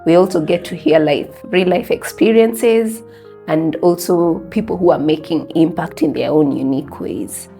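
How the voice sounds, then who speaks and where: A woman hosting an interview podcast, soft-spoken and affirming as she asks her questions. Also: on the low side, moderate pace, faint music behind. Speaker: podcast host.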